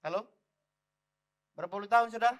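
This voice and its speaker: Male pastor, a bit high-pitched, lively church sermon. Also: fast. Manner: lively preaching, calls out to the congregation.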